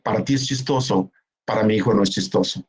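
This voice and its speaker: A man's voice: on the low side, fairly quick, husky, low-quality recording. Earnest man giving a talk. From Mexico. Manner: earnest, explanatory, acts out parents and relatives in quoted asides. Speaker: keynote speaker. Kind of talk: conference talk, answering a question.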